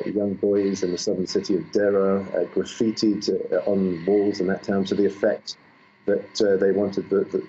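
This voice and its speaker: Low deep guy correspondent on a bad quality stream, muffled with a bit of hiss, lots of uhs. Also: warm tone. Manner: halting, full of fillers and restarts. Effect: low-quality live stream link. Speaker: foreign correspondent. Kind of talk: live news report. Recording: muffled lo-fi line with faint noise.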